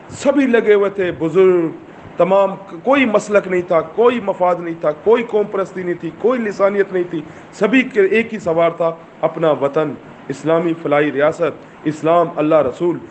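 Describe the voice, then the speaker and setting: A man's voice: on the high side, a little mellow, slight background noise. A man with a Pakistani accent giving a fervent political speech, full of rhetorical questions, recorded while driving. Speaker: movement chairman.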